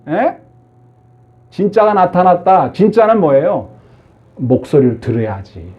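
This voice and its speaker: Man, pastor, sermon, high voice, very animated, questions the congregation, lo-fi sound. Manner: asks the congregation many questions, acts out quoted voices.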